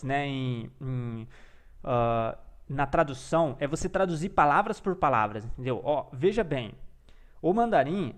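A young man teaching in a casual, enthusiastic vlog-style lesson, peppering his talk with slang and tag questions. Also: fairly high pitch. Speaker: language learner and teacher.

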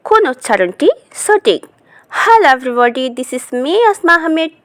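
A woman, a Bengali speaker, giving a pronunciation lesson in a vlog, mixing Bengali and English and repeating each model word slowly. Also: sits high, dry recording.

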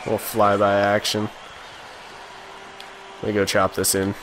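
A tired man casually commentating his own hockey video game, chatty and quick to react. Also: on the low side, monotone, a bit bright, a little hiss or hum.

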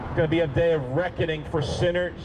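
A man preaching in the open air by a street, pleading and rebuking by turns, at times shouting and then dropping low. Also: steady tone, fast. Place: outdoors by a street with passing traffic. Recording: outdoor street noise, traffic. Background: cars passing.

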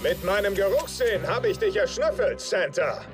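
A man's voice: high voice, expressive, normal speed. A man voicing a militant, aggressive toy henchman in a cartoon, barking orders like a battle trooper. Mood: menacing, commanding. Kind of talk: animated series dub acting. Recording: loud music behind.

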